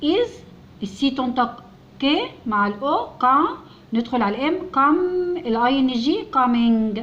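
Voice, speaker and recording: An Egyptian-accented woman teaching English to young children, spelling out each letter sound and repeating words slowly and patiently. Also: high voice, lively intonation, highs cut off. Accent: Egyptian Arabic. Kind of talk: step-by-step phonics lesson.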